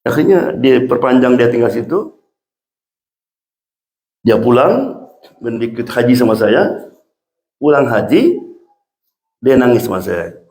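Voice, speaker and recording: A man's voice: mid-range voice, slow, long pauses, a little hiss or hum. A man, an imam, telling stories in a sermon and slipping English phrases into his talk. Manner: mixes Indonesian with English phrases; animated storytelling with acted-out quotes. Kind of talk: storytelling sermon. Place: mosque hall. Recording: echoey mosque hall.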